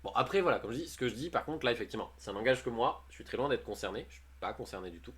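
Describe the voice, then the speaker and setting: A man's voice: mid-range voice, lively intonation, racing, fairly bright tone, husky. Chatty, jokey man streaming live. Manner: chatty, jokey, often laughing; reads posts aloud and comments on them. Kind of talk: casual livestream commentary.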